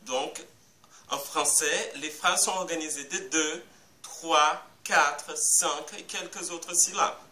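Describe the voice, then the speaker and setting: A man teaches French phonetics and breaks words into syllables one at a time. He talks very slowly in a bright, somewhat high voice. The sound is roomy and a little distant, with faint background hiss. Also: steady tone. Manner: slow, careful explanation with spelled-out syllables. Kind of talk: phonetics lesson. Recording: echoey room, a bit far from the mic.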